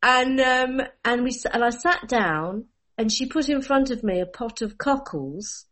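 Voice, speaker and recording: Animated woman telling stories. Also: on the high side, measured pace. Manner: animated storyteller, laughing through anecdotes. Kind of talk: casual chat.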